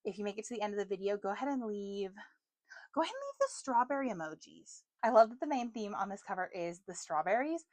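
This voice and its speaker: A young woman talks casually to her phone camera about books, loose and rambling, leaning on little fillers. Her voice sits at a middling pitch. The sound is dry and close, with no room around it. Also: lively intonation, fast, a little mellow, no room sound. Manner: chatty, rambling with many fillers. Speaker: book vlogger. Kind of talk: casual chat.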